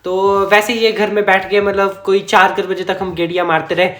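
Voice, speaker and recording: High-voiced man telling a rambling story. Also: flat delivery, a little fast, a bit bright. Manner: chatty, rambling, self-correcting, chuckles often. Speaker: vlogger. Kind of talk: casual storytime narration. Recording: echoey room.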